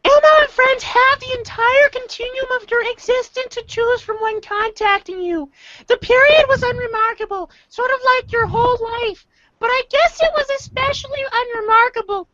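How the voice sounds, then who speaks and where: In an amateur reader's theater, a woman voices a condescending, foul-mouthed young male alien troll who rants in irate exasperation. Her voice is extremely high, pushed and bright, at normal speed. The home recording is dull and lo-fi with faint noise.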